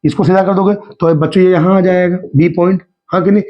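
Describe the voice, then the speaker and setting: Slightly hoarse man teaching math. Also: high voice, fairly even intonation, fast talker. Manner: coaxing, keeps asking the class if they understood. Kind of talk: Hindi math lesson at a whiteboard. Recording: dull lo-fi recording.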